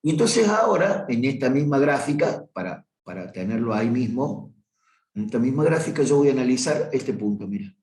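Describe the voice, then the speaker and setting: A man with a mid-range, slightly mellow voice teaches a math review class on limits, speaking briskly and with a lot of animation in a plain middle register. He talks through a graph and keeps pausing to correct himself. The room is roomy, and his voice echoes through it.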